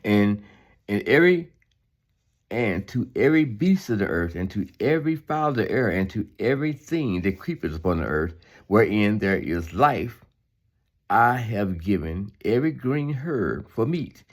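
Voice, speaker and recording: An unhurried man with a lowish voice and lively intonation reads scripture aloud and offers casual sermon remarks. He repeats phrases for emphasis and adds conversational asides meant to win agreement.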